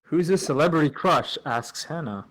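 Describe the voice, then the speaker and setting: Young man hosting, lively and playful. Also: fairly high pitch, normal speed, poor audio. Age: young adult. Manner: animated, playful, trails off with laughs. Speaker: podcast host asking questions. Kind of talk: casual chat.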